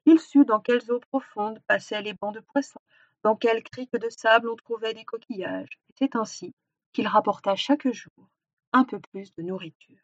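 A woman's voice: fairly high pitch, dry recording. Woman reading a storybook aloud. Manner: expressive, slows for effect. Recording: dull, dry recording.

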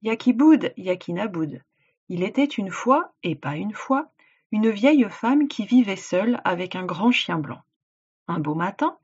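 Husky woman reading a tale. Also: mid-range voice. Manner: clear, explanatory, addressing a child. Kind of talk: read-aloud storytelling and instructions. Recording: dull lo-fi recording.

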